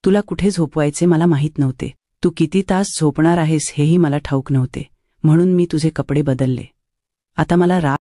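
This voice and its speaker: A woman's voice: low-pitched, normal speed, warm tone, no room sound, clean studio sound. A woman voicing a rude rich young man who talks to her in a stern, ordering tone. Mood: intimate.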